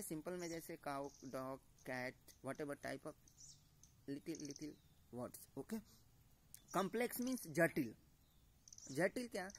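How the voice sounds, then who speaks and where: A man's voice: a little high, slight background noise. A man teaching a lesson on word types, mixing Hindi and English words and often checking in with his listeners. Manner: repeats "ठीक है दोस्तों", mixes Hindi and English words. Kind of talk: classroom-style lesson.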